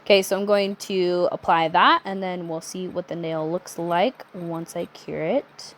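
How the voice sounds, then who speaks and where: A young adult woman talking through a nail art tutorial in a chatty, relaxed way, with self-correcting asides. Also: fairly low pitch, unhurried, a little hiss or hum. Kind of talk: casual step-by-step tutorial narration.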